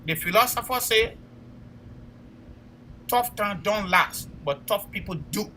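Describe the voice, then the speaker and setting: A man with a Liberian accent delivers impassioned political commentary as co-host of a political talk show, speaking emphatically and urging listeners on with repeated phrases. His voice sits high and sounds bright, forceful and animated, though his pace is slow. The low-quality recording has slight background noise.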